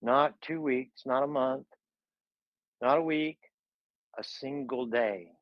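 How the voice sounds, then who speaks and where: A man's voice: medium pitch, takes it slowly, no echo, highs cut off. A man retelling a scripture story in a fervent, preaching style, full of dramatic repetition.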